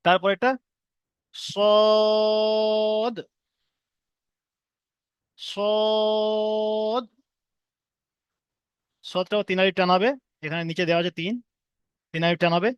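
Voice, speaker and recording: A man's voice: high-pitched, a bit bright, dry recording. A man teaching an online class, patiently repeating and drilling each letter sound for his students.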